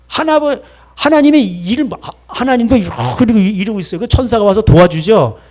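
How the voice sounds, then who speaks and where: A middle-aged man preaching a sermon as pastor, animated, firing rhetorical questions at the congregation and acting out voices. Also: high voice, normal speed.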